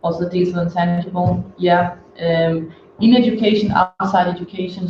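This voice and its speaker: A man's voice: sits high, a little mellow. A man introducing his work at a conference session, hesitant and restarting phrases. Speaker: workshop participant. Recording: roomy, muffled, faint noise.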